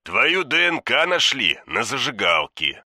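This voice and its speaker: Guy doing a gruff grumbly police boss, sharp tense voice, swings up and down, dry sound. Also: mid-range voice, sing-song, a little slow, no room sound, heavily acted. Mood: grim. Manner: grumbling, pressing, blunt. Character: gruff blunt older male police chief. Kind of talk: audiobook reading.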